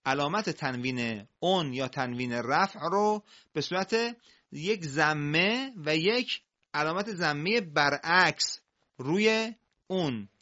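Male reading teacher, bright and lively, brisk explanations with slow drawn-out examples, dull recording. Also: fairly high pitch. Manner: explains briskly, drawls example words slowly for repetition. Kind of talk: recitation lesson. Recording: muffled lo-fi audio.

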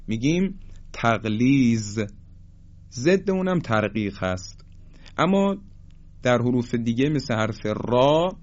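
Male tajweed teacher, steady explainer who stretches out his recited examples; muffled lo-fi recording. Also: mid-range voice. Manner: explains briefly, then chants examples slowly and drawn out. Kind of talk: tajweed lesson. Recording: dull lo-fi recording.

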